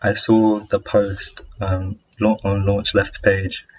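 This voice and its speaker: A man's voice: fairly low pitch, monotone, slow, highs cut off, slight background noise. A man from the UK with an English accent, earnestly sharing a personal story with a few hesitations. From United Kingdom.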